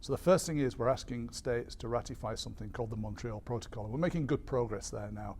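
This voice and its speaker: A man giving an explanatory briefing as an industry spokesperson, measured but hesitant, with frequent ums and repeated words. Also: medium pitch, darkish tone, a little hiss or hum. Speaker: airline industry association spokesperson.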